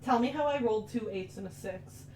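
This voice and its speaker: A woman's voice: on the high side, fairly quick, low-quality recording. A woman playing a tabletop game, talking hesitantly with many ums as she reads her spell rules. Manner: hesitant, lots of ums while reading rules. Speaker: player. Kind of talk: casual tabletop game chat. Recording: loud background noise, clicking.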